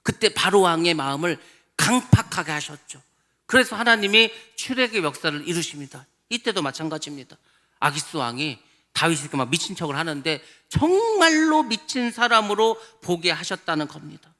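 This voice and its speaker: A man's voice: a little high, expressive, moderate pace, bright, forceful tone. A male pastor preaching a sermon in an emphatic way, often acting out quoted voices.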